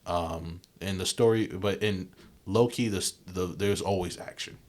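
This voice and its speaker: A young man with a very low, deep voice chats casually on a podcast. He rambles, backs up and restarts his sentences, and leans on fillers as he talks. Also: a little slow, a little mellow. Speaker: podcast co-host. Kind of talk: casual chat.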